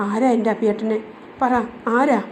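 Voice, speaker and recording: A woman's voice: a little high, steady tone, measured pace, darkish tone, a little hiss or hum, natural voice. A woman reading the part of a frightened young wife who pleads for answers. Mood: pleading.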